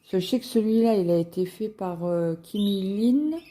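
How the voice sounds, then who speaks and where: A woman chatting casually as a cross-stitch vlogger, musing aloud with halting fillers as she browses shops online. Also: mid-range voice, mellow. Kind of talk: casual screen-share chat.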